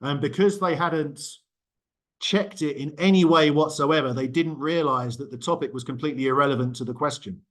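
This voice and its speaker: Speaking at a normal pace in a slightly high voice, a middle-aged man lectures during a casual small group discussion. He's a university lecturer, and his delivery is loose, full of ums and corrections of himself.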